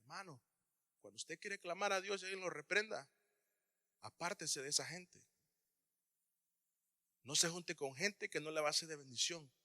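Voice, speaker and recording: A man preaching a sermon to his congregation, often calling them brother and swinging between loud cries and hushed asides. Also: on the high side, normal speed, long pauses, big-room sound. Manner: addresses listeners as "hermano", swings from loud to hushed.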